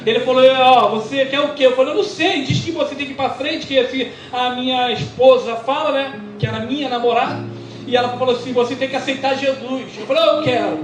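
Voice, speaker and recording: High-voiced Brazilian pastor preaching testimony. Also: male voice, fairly quick. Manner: animated storytelling, acting out quoted dialogue. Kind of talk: sermon testimony. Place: church. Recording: echoey church with music behind. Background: music.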